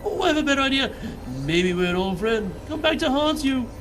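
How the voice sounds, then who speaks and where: A man's voice: extremely high pitch, big pitch swings, a little fast, slight background noise, voice pushed up. A man voicing a mischievous shadow voice that haunts someone's head, theatrical and sneering, in a video game read-through. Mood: gleeful taunting.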